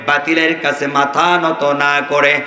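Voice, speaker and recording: A man preaching a sermon to a crowd, swinging between shouted lines and a low chanting singsong. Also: flat delivery, slow, soft background music. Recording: echoey hall from far off.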